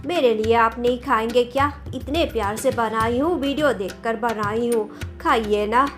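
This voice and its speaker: Woman playing a sassy young daughter-in-law in a cartoon, stubborn and mocking, high voice, light music behind. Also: normal speed, natural voice. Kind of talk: cartoon story voice acting. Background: background music.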